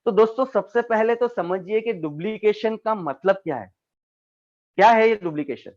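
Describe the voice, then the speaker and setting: High-voiced male trainer, lo-fi call. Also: moderate pace, darkish tone. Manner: explanatory, keeps addressing listeners as friends. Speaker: network marketing trainer. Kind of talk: online training talk.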